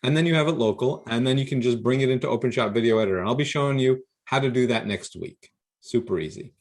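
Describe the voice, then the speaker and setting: A man's voice: mid-range voice, fast. A man hosting an online workshop, explaining recording tools in an upbeat, casual way over a video call. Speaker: workshop host. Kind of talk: casual instructional talk.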